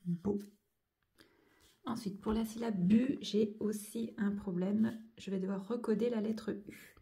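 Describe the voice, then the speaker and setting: A woman's voice: medium pitch, fairly even intonation, a little slow, mellow. A woman teaching young children to join cursive letters, going over each stroke and sound patiently, one step at a time. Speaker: handwriting teacher.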